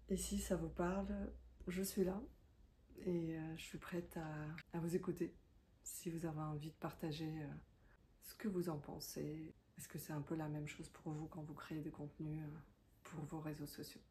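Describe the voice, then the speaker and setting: Here a self-employed content creator with a warm, low-ish voice speaks French as a non-native speaker in a reflective talking-head monologue. She sounds thoughtful and confiding yet hesitant, with many fillers and restarts, over slight background noise.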